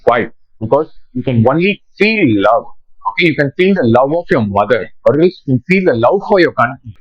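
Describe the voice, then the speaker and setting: A man's voice: fairly high pitch, dry recording. Indian man teaching, dull dry sound. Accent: Indian English. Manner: conversational, asks questions and answers them. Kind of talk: classroom lecture.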